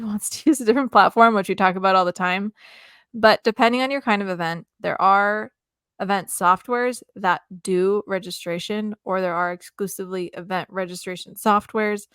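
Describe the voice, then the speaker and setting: A woman's voice: medium pitch, a bit bright, smooth, no room sound, studio quality. A woman co-hosting a podcast, chatting casually, hesitant with fillers and easy laughs. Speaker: podcast co-host.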